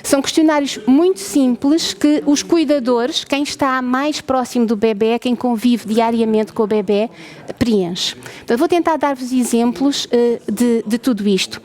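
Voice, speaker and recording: A woman's voice: on the high side, moderate pace, darkish tone. A woman with a European Portuguese accent, a researcher explaining her lab to visitors, often asking the audience questions and checking that they follow.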